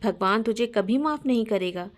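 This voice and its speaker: A woman's voice: on the high side, expressive, normal speed, lightly acted. A woman voicing a jealous, suspicious young woman who angrily accuses her best friend. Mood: angry. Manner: accusing, sharp.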